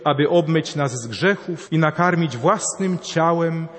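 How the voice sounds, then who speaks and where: A man's voice: on the high side, measured pace, big-room sound. A man, an archbishop, explaining a symbol in a solemn, formal address. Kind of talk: formal homily.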